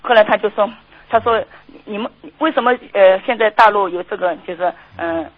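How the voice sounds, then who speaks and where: A woman calling in to a radio show, excitedly retelling a conversation in quoted lines. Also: medium pitch, fairly quick. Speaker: caller. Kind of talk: radio call-in talk. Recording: lo-fi radio broadcast.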